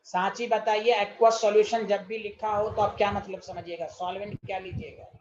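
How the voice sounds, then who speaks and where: A man's voice: sits high, little pitch movement, moderate pace, muffled recording, slight background noise. A man teaching chemistry in an online class, exasperated and quizzing his students again and again.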